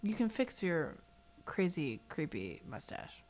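A woman's voice: on the low side, very animated, takes it slowly, a little mellow, slight background noise. A woman co-hosting a casual reaction chat, blunt and opinionated. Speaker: podcast co-host.

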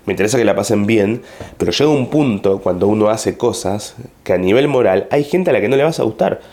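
Argentine male comic, lowish voice, chatty and rambling, casual story to camera. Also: a little fast. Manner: rambling, animated retelling with frequent fillers. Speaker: comedian.

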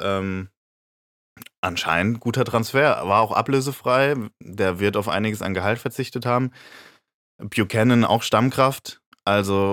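A man with a fairly low voice chats about football as a podcast co-host, opinionated and rambling, with a laugh never far off. The sound is dry and close, with little room around it. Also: a bit bright, clear, resonant tone, no room sound. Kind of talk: casual football chat.

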